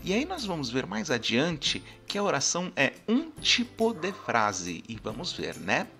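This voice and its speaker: A man's voice: a little high, huge pitch swings, unhurried, creaky, bright, forceful tone, faint music behind. A man teaching a grammar lesson, explaining step by step and often checking in with his listeners. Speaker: language teacher.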